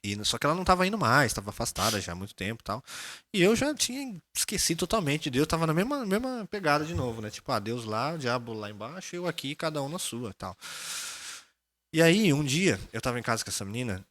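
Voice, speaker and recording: A man with a Brazilian Portuguese accent, a podcast guest telling a personal story in a casual, animated way. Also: medium pitch, fast talker.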